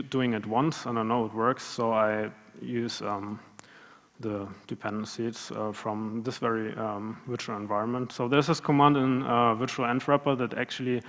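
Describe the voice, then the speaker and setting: At a conference, a man runs a live coding demo in a large room, speaking hesitantly with lots of fillers and restarts. His voice is mid-range with a fairly bright tone, and the recording carries long hall reverb.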